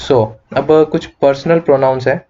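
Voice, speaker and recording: A man's voice: mid-range voice, fairly even intonation, moderate pace, mellow. A man with an Indian accent teaching an online English grammar lecture, explaining in Hindi mixed with English, with many fillers and rhetorical questions. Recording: dull lo-fi recording.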